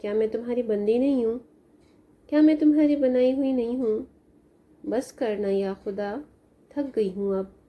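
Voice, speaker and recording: A sad young woman in a spoken storybook pleads and mourns in a soft, plaintive voice, done by a woman reader. The tone is very mellow and dark, yet a little high in pitch. She sounds worn out and lonely. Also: moderate pace, long pauses, natural voice. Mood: sorrowful.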